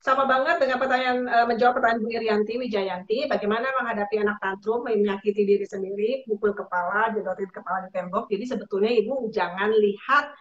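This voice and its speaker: A woman host talks parents through therapy ideas on a live stream, advising and explaining as she goes, with frequent fillers. Her voice sits at an ordinary middle pitch. The audio is dull and lo-fi, as from a web livestream. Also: roomy sound. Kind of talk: casual Facebook Live chat.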